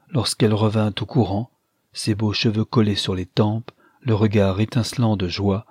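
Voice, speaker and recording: Casting: low-voiced male audiobook reader, husky, measured storytelling. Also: a little mellow, no echo, studio quality. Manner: measured, literary reading. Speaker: audiobook narrator. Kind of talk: scripted narration.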